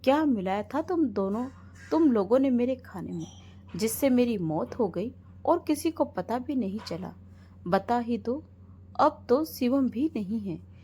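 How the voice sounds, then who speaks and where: A woman's voice: on the high side, expressive, a little slow, warm tone, a little hiss or hum. A woman voicing a wronged older mother-in-law, posing as a vengeful ghost, who accuses and threatens in a storybook tale. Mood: menacing. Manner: menacing, accusing.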